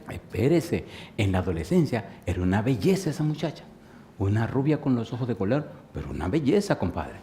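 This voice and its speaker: A man's voice: medium pitch, darkish tone. A man in his fifties preaching a sermon, telling stories playfully and asking the congregation questions. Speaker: pastor.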